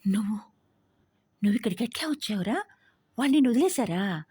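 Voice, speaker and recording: A woman voicing an anxious but bold young woman who questions sharply and loudly, in a husky voice. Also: medium pitch, lively intonation, normal speed, dry recording, clean studio sound, pitched above the performer's own voice. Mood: startled, eager.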